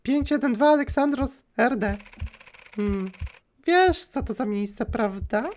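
A man voicing an obsessive young yandere woman from a game, with a breathy, whispery, taunting sing-song voice. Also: extremely high pitch, lively intonation, takes it slowly, a little mellow, voice pushed up, full character voice. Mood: sweetly menacing. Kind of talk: dubbing a game's dialogue.

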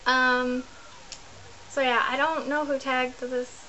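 This young adult vlogger from New Zealand talks to camera from her small bedroom via laptop webcam, rambling casually and self-correcting. She speaks slowly in a high, sharp voice with little pitch movement, and the recording is rough.

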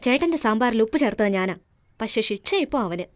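A woman's voice: on the high side, animated, noisy background, lightly acted. An actress dubbing a magistrate's wife who argues hard with her husband in defence of their son. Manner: scolding, argumentative, rapid. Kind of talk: dubbed film dialogue. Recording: dubbed dialogue with film score underneath.

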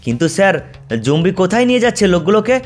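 A man's voice: sits high, expressive, rapid-fire, soft background music. A man voicing a lazy, gum-chewing young male gangster in a game video. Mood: laid-back.

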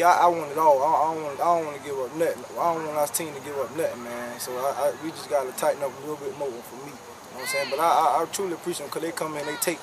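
A young man, a youth football coach giving a postgame interview outdoors at night, repeating words and adding "man" often. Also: mid-range voice. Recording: distant mic with crowd behind.

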